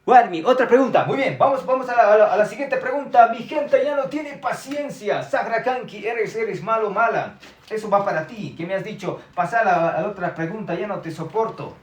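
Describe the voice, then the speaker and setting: A man's voice: sits high, a little fast, reverberant. A man teaching Quechua on a live stream, chatty and upbeat, reading out viewer comments and repeating words.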